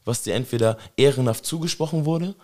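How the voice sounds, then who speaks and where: A man's voice: medium pitch, fairly quick, a little mellow. A young man hosting a podcast in casual opinion chat, peppering his talk with slang fillers. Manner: slangy, fills with "weißt du" and "Digga". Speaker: podcast host.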